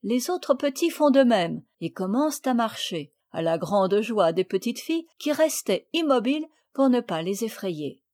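A woman narrating a classic children's novel in a clear, measured storytelling voice. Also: on the high side, very animated, darkish tone. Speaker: audiobook reader.

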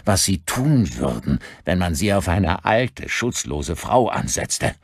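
Vengeful older man, cold and unhurried, read by a man, deep voice, dry close audiobook sound. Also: sing-song, slightly rough, no room sound, exaggerated voice. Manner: slow, deliberate, icy.

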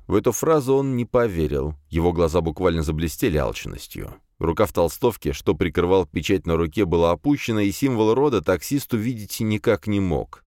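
Man, very low voice, animated narration, dry studio sound, audiobook reading. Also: no echo.

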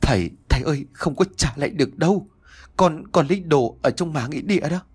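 A man's voice: on the high side, expressive, fairly quick, slightly rough. A man voicing a guilty young son who stammers out excuses to his father in an audiobook story. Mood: frightened. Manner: stammering, hesitant.

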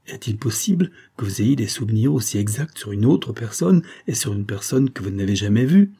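Audiobook: an anxious husband, low and husky, insistent and probing, read by a man. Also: animated, a little fast, dark tone. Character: anxious husband questioning his wife, insistent.

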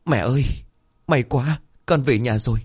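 A man's voice: mid-range voice, fairly quick, darkish tone, breathy edge, no echo, clean studio sound, voice pushed up, close to an everyday voice. A man voicing a frightened, confused young village woman in a read-aloud story. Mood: bewildered.

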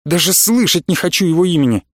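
A man's voice: fairly high pitch, lively intonation, fast talker, no room sound, studio quality, close to an everyday voice. A man voicing a young woman soothing her father. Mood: dismissive. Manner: soothing, a little reproachful.

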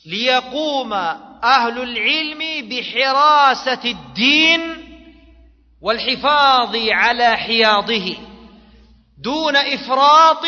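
A man's voice: very high-pitched, sharp tone. A man teaching a class as a religious scholar, posing fill-in questions to his students and repeating key words. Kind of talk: classroom lecture on jurisprudence. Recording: dull lo-fi recording in an echoey hall.

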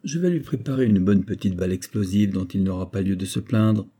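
An eager, loyal soldier orderly from an audiobook novel, as a man reads him. He snaps back short, dutiful answers. The voice is husky and dark. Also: deep voice, fairly quick.

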